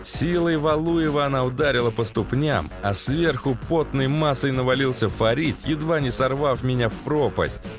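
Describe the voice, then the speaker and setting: A man narrating an audiobook in the first person, in a lively, coarse-spoken way. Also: medium pitch, moderate pace, few pauses, over music.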